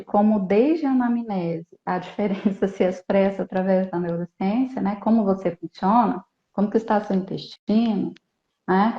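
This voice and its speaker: A woman therapist, a guest in a live online interview, explaining her clinic work in a calm, steady way. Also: medium pitch. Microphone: video call. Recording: dull, echoey video call audio.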